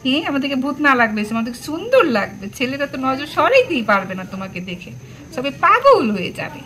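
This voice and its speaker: A woman's voice: high-pitched, big pitch swings, fast, pushed and bright, a little hiss or hum, rough recording. A woman pet vlogger talking in doting baby talk to her cat, cooing and repeating words fondly. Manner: cooing, sing-song, repeats words affectionately.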